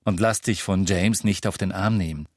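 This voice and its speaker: Man doing steady grown father, firm, reassuring, dry studio reading. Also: sits low, normal speed, no echo.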